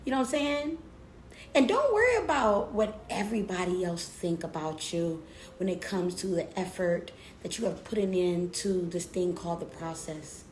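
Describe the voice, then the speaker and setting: A woman's voice: lowish voice, very animated, moderate pace, slight background noise. A woman giving an informal, conversational motivational talk, emphatic and preacher-like, repeating phrases to encourage her listeners. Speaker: motivational speaker. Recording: roomy echo with music behind. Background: music.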